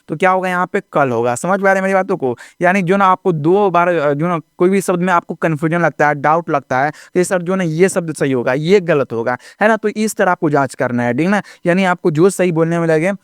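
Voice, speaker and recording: A man's voice: high voice, clean tone, no room sound, clean studio sound. A man teaching a video lesson in speech, often repeating himself and checking in with his students. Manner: repetitive, keeps checking in with the audience.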